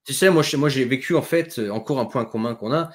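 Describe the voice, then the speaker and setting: A man in an easygoing chat on a video call, with a middle-pitched voice. He talks in an animated, chatty way, full of fillers and quick asides. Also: crowd noise. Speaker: host. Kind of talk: casual chat.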